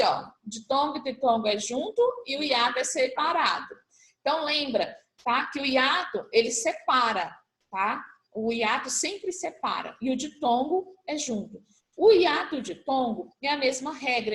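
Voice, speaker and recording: A high-pitched woman teaching young pupils, patiently spelling out letter pairs one at a time. She talks in a roomy, echoing space at school. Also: expressive, normal speed, fairly bright tone. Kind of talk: recorded class review lesson.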